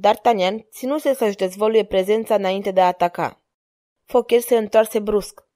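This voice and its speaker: A woman with a Romanian accent narrating an audiobook from a script in a measured, dramatic storytelling manner. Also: mid-range voice, mellow, dry recording, clean studio sound.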